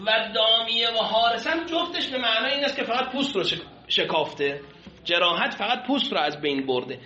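High bright-voiced man teaching a class. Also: lively intonation. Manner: explains step by step, often asks the class questions. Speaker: seminary teacher. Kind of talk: classroom lecture on Islamic law texts. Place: classroom with a whiteboard. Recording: echoey, dull lo-fi classroom recording.

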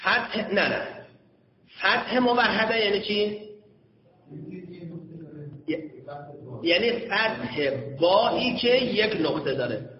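A man with a high voice gives a seminary-style classroom lecture, reading out short Arabic passages slowly and then explaining them. He keeps asking his students whether they follow. The sound is dull and lo-fi, with a long echo from a large hall. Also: expressive, a little hiss or hum. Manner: checks understanding with frequent questions to students. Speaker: seminary teacher.

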